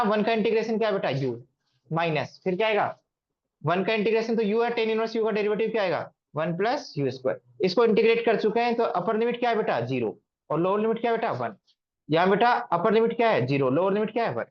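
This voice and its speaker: Guy teaching maths, keeps asking the class questions, dull lo-fi sound. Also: high-pitched. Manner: questioning, repeats questions to students. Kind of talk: classroom lecture.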